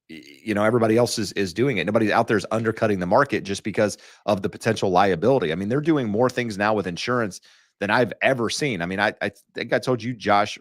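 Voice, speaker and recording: Man, low voice, casual host, rambling, lots of restarts, dry close sound. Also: no room sound. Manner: loose, rambling with many fillers and restarts. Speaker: real estate show host. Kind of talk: casual market talk.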